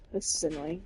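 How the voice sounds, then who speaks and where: A woman's voice: medium pitch, noisy background. A woman giving casual, swearing commentary while streaming a game.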